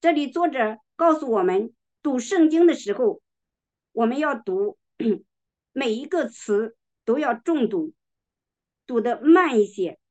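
A woman delivers a sermon in a slow, measured way, leaning on each word as she reads scripture. Her voice sits somewhat high, and she clears her throat now and then. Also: expressive, a little mellow, highs cut off. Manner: slow, deliberate, emphatic reading of scripture. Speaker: preacher.

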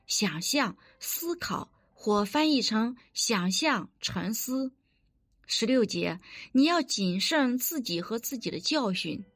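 A woman's voice: a little high, fairly bright tone, dry recording, clean studio sound. A woman preaching a sermon in an earnest, instructive way, quoting scripture and giving practical advice.

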